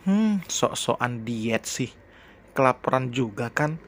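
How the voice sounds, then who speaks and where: Male reader doing a young woman, younger sister, chiding, teasing, a touch higher. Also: a little slow, vocal fry, fairly bright tone, slight background noise.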